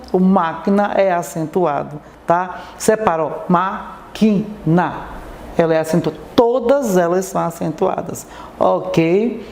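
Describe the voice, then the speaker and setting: A woman's voice: on the low side, warm tone, roomy sound, a little hiss or hum. A Brazilian woman teacher giving a televised classroom lesson, explaining patiently and checking in with the viewer after each point.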